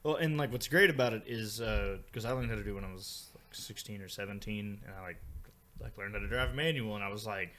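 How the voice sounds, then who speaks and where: A man's voice: fast talker, sharp tone. A man hosting a laid-back chat, laughing often. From Texas. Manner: laid-back, laughs a lot, acts out quotes in a high voice. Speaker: podcast host. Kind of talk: casual chat.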